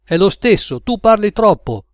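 A man's voice: a little high, normal speed, darkish tone, no echo, voice pushed up, lightly acted. A man voicing a terse, irritable male hitman in an audiobook, with a curt, grumbling manner. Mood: irritated.

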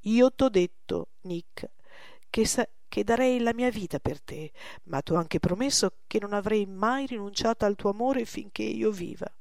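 A woman's voice: mid-range voice, measured pace, creaky, a little mellow, no echo, studio quality. A woman voicing a young woman in love, earnest and spirited. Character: young woman, proud and devoted lover.

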